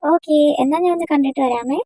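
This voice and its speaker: Young woman playing a chatty first-year college girl, quick-tongued, high voice, dry close sound. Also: warm tone, dry recording, lightly acted. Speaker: fan dub voice actor. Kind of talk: amateur dubbed romance drama.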